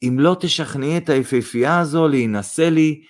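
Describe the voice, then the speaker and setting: A man voicing an earnest young man in love who speaks quietly and in earnest. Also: a little high, voice pushed up, lightly acted.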